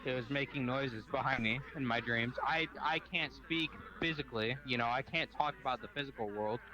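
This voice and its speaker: A man tells a personal story as a guest, halting and restarting often, with some swearing. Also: medium pitch, sharp tone, poor audio. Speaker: soldier telling a story. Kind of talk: casual spoken story.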